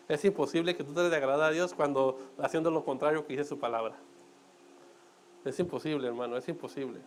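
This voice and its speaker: A man with a Mexican accent preaching a conversational sermon in church, with joking asides and frequent checks on his listeners. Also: a little high.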